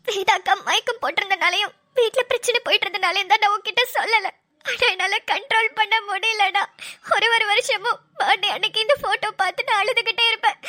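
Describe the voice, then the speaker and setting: A woman's voice: very high voice, sharp tone. A woman voicing an emotional young woman who longs for her lost brother, speaking earnestly and pleadingly in a cartoon. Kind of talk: cartoon voice acting.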